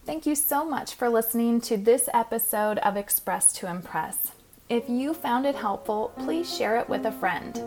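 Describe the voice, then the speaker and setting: Measured woman teaching pronunciation. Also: a little high, animated, a little mellow, faint music behind. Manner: clear, measured teaching delivery, slows to spell out words. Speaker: podcast host and English pronunciation coach. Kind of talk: scripted podcast lesson.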